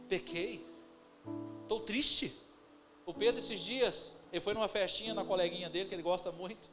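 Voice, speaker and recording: A man with a Brazilian Portuguese accent, a pastor preaching a sermon, moving between calm storytelling and loud emphatic bursts, addressing the listeners as brothers. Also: sits high. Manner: preaching with rising emphatic bursts and slow stressed words; addresses the congregation as brothers, tells family anecdotes. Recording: music playing under the voice. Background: instrumental music.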